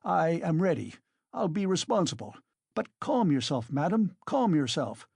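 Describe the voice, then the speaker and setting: A reader voicing a pompous, reproachful middle-aged man who speaks smoothly and formally. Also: mid-range voice, sing-song, moderate pace, darkish tone, no room sound, studio quality, pitched above the performer's own voice, heavily acted.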